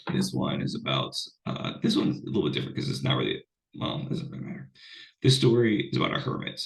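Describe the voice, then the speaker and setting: Gravelly, low-voiced man lecturing casually. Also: wildly swooping pitch, fast talker. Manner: casual, rambling with fillers and restarts. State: unwell, voice sounds off. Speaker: college English instructor. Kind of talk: recorded online lecture.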